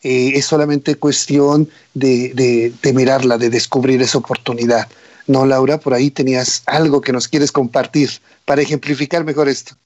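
A man's voice: medium pitch, level tone, moderate pace, a little mellow, dry recording, lo-fi sound. A man with a Mexican Spanish accent hosting a talk show, introducing the topic with many fillers. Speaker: host.

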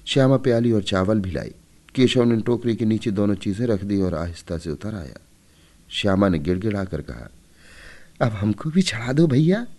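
A man narrating a story in an expressive, measured storybook reading. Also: fairly low pitch.

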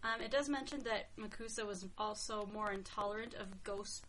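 A woman's voice: mid-range voice, normal speed, fairly bright tone, a little hiss or hum, low-quality recording. A woman co-hosting a casual podcast discussion, enthusiastic and giggly.

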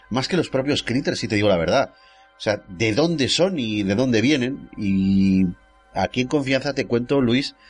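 A man's voice: mid-range voice, slightly rough. A man with a Spain accent hosting a casual, confiding film discussion. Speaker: film show host.

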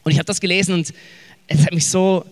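Swiss German man giving a relaxed sermon, slightly higher voice, hunts for words, retells Bible stories in everyday speech. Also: quick pace, in a large hall. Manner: searching for words, frequent fillers and restarts; retells scripture in casual, lively paraphrase. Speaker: preacher.

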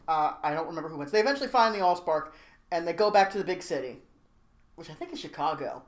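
A woman's voice: on the low side, expressive, fast talker. A woman co-hosting a podcast, casually recapping a movie with jokes and lots of fillers. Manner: rambling, joking, trails off with fillers. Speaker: podcast co-host.

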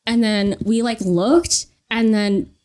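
A woman's voice: a little high, steady tone, slow pace, darkish tone. A young woman co-hosting a casual podcast, telling a story in a rambling way, packed with "like". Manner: rambling, filler-heavy storytelling with many "like"s. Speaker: podcast co-host.

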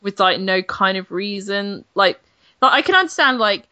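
A young woman in her twenties, a games journalist chatting as a podcast guest, blunt and animated, swearing freely. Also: mid-range voice, moderate pace, no echo. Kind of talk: casual podcast chat.

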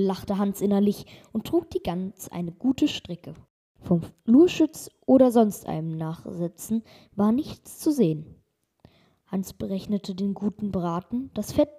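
A woman reading a fairy tale aloud in an expressive, lively storytelling manner. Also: mid-range voice, breathy edge.

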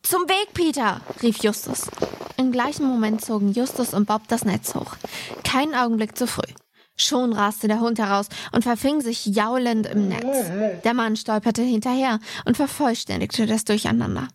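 A woman co-hosting a podcast, reading a book passage aloud in a steady, expressive way. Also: a little high, moderate pace, background noise. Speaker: podcast co-host.

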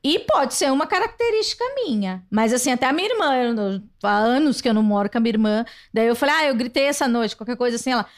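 A high-pitched woman from Brazil hosts a casual podcast chat. She tells stories with animated energy and laughs often. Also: fast talker, hardly any pauses. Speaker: podcast host.

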